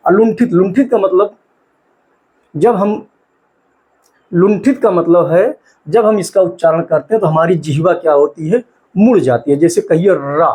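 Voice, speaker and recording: Husky guy teaching exam prep, kinda high voice, keeps asking then answering himself. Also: dark tone. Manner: asks questions and answers them himself; sounds out syllables slowly.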